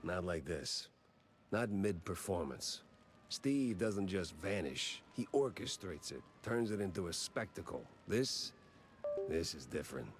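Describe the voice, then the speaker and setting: An actor playing a hard-boiled male mouse detective and war veteran in a cartoon game, with a clipped, gruff noir delivery. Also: sits low, animated, a little slow, noisy background. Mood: terse, probing.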